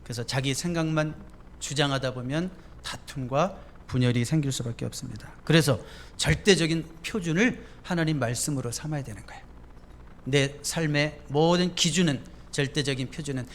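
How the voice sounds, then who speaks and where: A male pastor preaching a sermon in a conversational way, often asking the congregation questions. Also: medium pitch.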